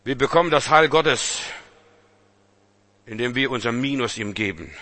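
A man preaching a sermon, dramatic and full of rhetorical questions, swinging between loud exhortation and hushed intensity. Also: mid-range voice, lively intonation, moderate pace.

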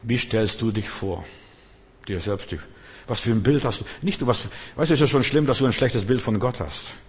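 A man's voice: mid-range voice, a little fast, slightly rough. A male preacher delivering an earnest sermon, exhorting the listener and addressing them directly. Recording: long hall reverb.

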